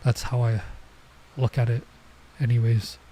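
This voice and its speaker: A warm, mid-range male voice, level in tone and a little slow, comes through with slight background noise. The streamer casually plays a visual novel and rambles along with chatty asides, sounding nasal and congested because he's coming down with a cold.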